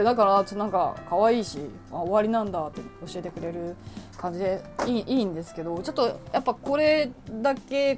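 A woman's voice: medium pitch, a little mellow. A young woman chatting casually about her shopping, adding playful sound effects. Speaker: vlogger. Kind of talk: casual shopping haul vlog.

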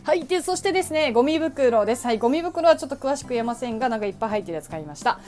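Racing along, a young woman talks casually about her shopping for a haul vlog, tossing in playful sound effects. Her voice sits high, animated and a little mellow.

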